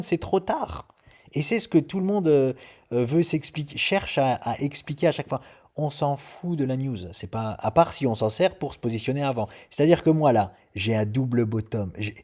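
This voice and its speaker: A man's voice: mid-range voice, darkish tone. A man hosting a trading channel, explaining a price chart in a casual, chatty way and hammering home his point with emphatic repetition.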